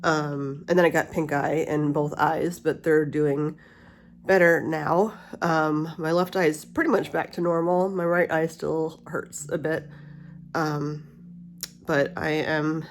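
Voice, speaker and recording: A deep-voiced, middle-aged woman takes her time, chatting slowly and candidly in a rambling personal vlog. Her retainer causes a slight lisp, while a cool mist humidifier hisses and soft spa music plays faintly in the background.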